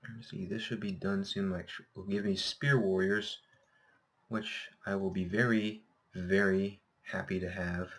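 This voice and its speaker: A man's voice: low-pitched, level tone, a little slow, fairly bright tone. A man with a slightly scratchy, sore-throated voice commentating casually on a game, thinking aloud and correcting himself. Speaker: gameplay host.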